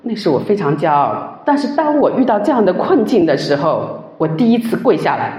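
A woman with a lowish voice tells her faith testimony to a church audience. Her pitch swings widely as she talks with emotion and stretches the endings of her sentences. The room has a noticeable echo. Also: big pitch swings, a little mellow, muffled recording. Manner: emotional, drawn-out sentence-final particles. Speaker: church speaker giving testimony.

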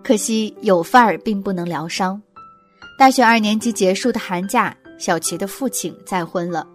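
A woman reading a scripted narration at a measured, even pace. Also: mid-range voice. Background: soft music.

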